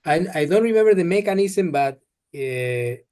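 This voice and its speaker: Argentine accented guy presenter, kinda high voice, answering questions, stumbles and repeats words. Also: expressive, moderate pace, warm tone. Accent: Argentine Spanish. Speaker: seminar presenter. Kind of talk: answering questions after a talk.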